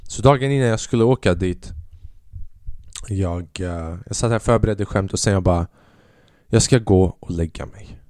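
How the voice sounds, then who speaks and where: A man's voice: darkish tone, dry recording, clean studio sound. Rambling self-mocking young man podcaster. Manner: rambling, self-mocking, acts out quotes in a higher voice. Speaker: podcast host. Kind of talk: casual storytelling monologue.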